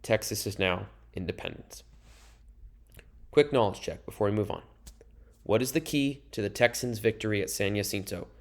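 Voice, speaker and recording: Casual low-voiced male history teacher. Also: normal speed, pauses often. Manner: casual, conversational explaining with asides to students. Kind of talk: recorded classroom lecture over slides.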